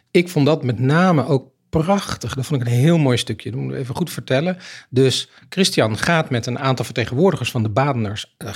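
A man with a husky, slightly breathy voice at an ordinary pitch leads a casual conversation about a book. He talks in a thoughtful way and often pauses to retell parts of the plot in detail.

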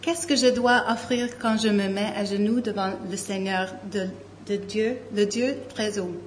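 A woman's voice: medium pitch, fairly even intonation, moderate pace. A woman with a Quebec accent reading scripture aloud as a Bible reader. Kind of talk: scripture reading and short personal remark. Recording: faint room noise.

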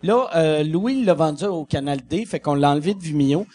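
A man in his forties with a Quebec French accent tells stories as a podcast host, swearing freely and breaking into laughter. His voice sits high for a man and has a husky, breathy edge. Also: expressive, mellow. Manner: rapid, profane storytelling with frequent laughs. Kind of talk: casual chat before a live audience.

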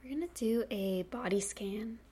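A woman leading a guided meditation in a soft, breathy, calming near-whisper. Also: a little high, moderate pace. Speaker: meditation instructor.

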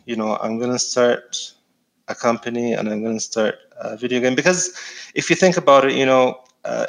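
Middle-aged man from Egypt, interview guest, easygoing and halting, mid-range voice. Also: medium pitch, poor audio. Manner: relaxed, many fillers and restarts. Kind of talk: casual interview.

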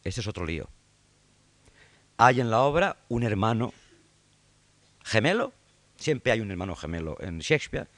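Male lecturer, low voice, lively delivery, dry close sound. Literature talk. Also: moderate pace, long pauses, no room sound. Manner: lively, acts out quoted lines in a loud raised voice.

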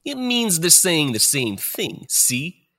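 Man doing a gangster ghost, raspy and bright. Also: fairly high pitch, sing-song, takes it slowly, heavily acted. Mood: tough. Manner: streetwise gangster slang, gruff. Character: tough mobster ghost of future, menacing. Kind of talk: comedic audio drama.

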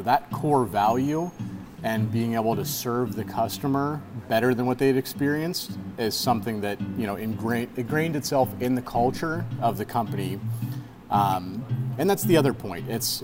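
A man guesting on a podcast, telling stories in a relaxed, casual way with lots of "you know" fillers. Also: medium pitch, moderate pace, over music.

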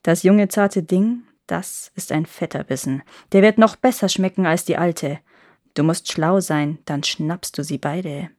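A woman voicing a sly, hungry male wolf in a fairy tale reading, talking low and coaxing. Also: unhurried, darkish tone, no echo, studio quality, close to an everyday voice. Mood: scheming. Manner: low, scheming, sweet-talking.

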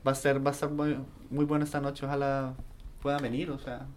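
A man, a band member, talking in a halting way and searching for his words. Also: medium pitch, monotone, a little hiss or hum. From Colombia. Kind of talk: casual conversation.

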